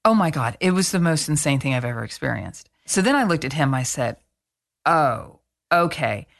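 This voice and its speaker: A woman with a very low voice tells a story in casual chat. She is animated and blunt, with some frank swearing along the way. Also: quick pace, gravelly.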